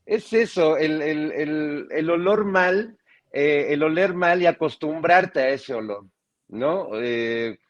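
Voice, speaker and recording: A man's voice: on the high side, dull audio. A man, a guest on a political panel, talking through extended metaphors and stopping to restart his words. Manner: reflective, talks in metaphors, many restarts.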